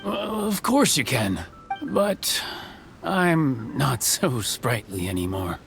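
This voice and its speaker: A man voicing a friendly old carpenter in a video game, with creaky, hesitant, folksy speech. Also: mid-range voice, animated, slow, music in the background. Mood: rueful. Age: older. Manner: hesitant chuckling folksy talk. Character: old male carpenter, friendly, chuckling, weary but lively. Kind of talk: video game character acting.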